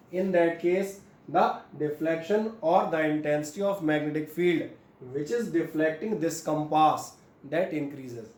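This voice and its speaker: A physics teacher, male, lectures his class in a mixture of Hindi and English, laying out each step and asking and answering his own questions. His voice is fairly high in pitch yet darkish in tone. The sound carries echo from the room plus a faint hum.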